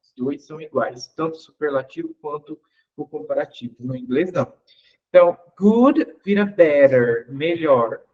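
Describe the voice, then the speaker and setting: A man's voice: fairly high pitch, lively intonation, moderate pace, highs cut off. A man teaching English grammar in an online class. He explains patiently, asks the class questions and repeats each example.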